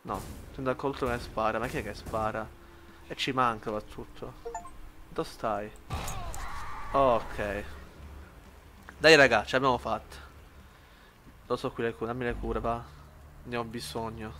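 A man giving lively commentary while playing a shooter game, shouting at enemies and muttering between fights. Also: mid-range voice, normal speed, pauses often, slight background noise. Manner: excitable, yells at enemies, then mutters to himself. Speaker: gaming YouTuber.

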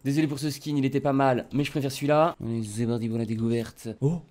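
A young man commenting on a video game, excitable and swearing, jumping from quiet mutters to shouts. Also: medium pitch, fast. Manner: swears casually, repeats himself. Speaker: gaming streamer.

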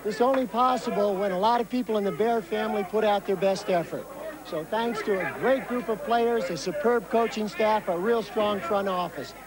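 A man's voice: high voice, moderate pace, rough recording. A man who is a team president, giving a brief, grateful speech accepting a trophy. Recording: loud crowd behind.

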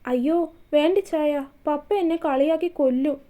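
A woman's voice: high-pitched, moderate pace, dark tone, natural voice. Woman doing a shy young wife. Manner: pleading, shy.

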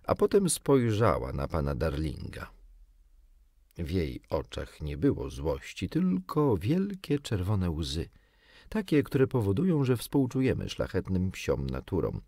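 A man reading a children's classic aloud with expressive, dramatic narration. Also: low voice, unhurried, dry recording, studio quality. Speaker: audiobook narrator. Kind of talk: scripted storybook narration.

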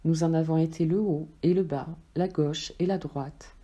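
A woman voicing a gentle, loving soul that speaks softly and patiently. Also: low voice, fairly even intonation, normal speed, muffled recording. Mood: tender. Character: gentle, loving friendly soul, calm and tender.

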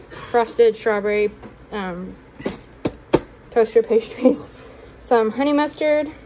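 A young woman chatting casually in her kitchen, showing what she bought, with fillers and quick self-corrections. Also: a little high, a little mellow, slight background noise, low-quality recording. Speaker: vlogger. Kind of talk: casual grocery haul narration. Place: home kitchen, indoors.

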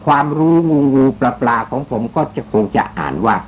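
A man's voice: mid-range voice, sing-song, a little fast, a little hiss or hum, poor audio. Chatty joking man with polite particles. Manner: joking, teasing, chatty storyteller. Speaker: radio talk host. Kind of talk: casual spoken commentary.

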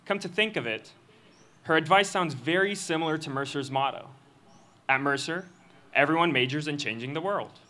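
A young man giving a student speech at a graduation ceremony, reading a prepared text into a podium microphone in an earnest, measured way. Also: on the high side, bright, forceful tone. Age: young adult. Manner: earnest, measured delivery with occasional slips. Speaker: student commencement speaker. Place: outdoor stage of a graduation ceremony.

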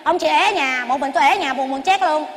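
A comic stage performer playing a stubborn old wife who bickers with her husband in quick, teasing retorts. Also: sits high, a bit bright. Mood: bickering. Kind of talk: stage comedy sketch.

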